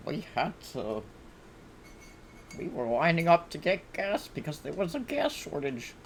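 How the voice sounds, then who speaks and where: A man putting on a high rambling old-timer. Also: huge pitch swings, unhurried, a little hiss or hum, exaggerated voice. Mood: reminiscing.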